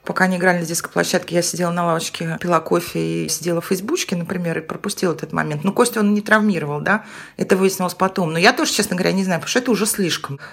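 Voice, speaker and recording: A woman's voice: on the low side, racing, gravelly. A woman in her forties, a podcast co-host speaking frankly in casual chat. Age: 40s. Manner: frank, blunt.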